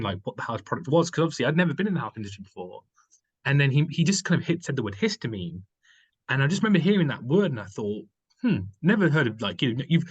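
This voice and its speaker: A man's voice: medium pitch, husky, muffled recording. A man talking as a podcast guest, telling his story in a loose, rambling way with plenty of "like"s. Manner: rambling, filler-heavy storytelling with many "like"s. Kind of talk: casual chat.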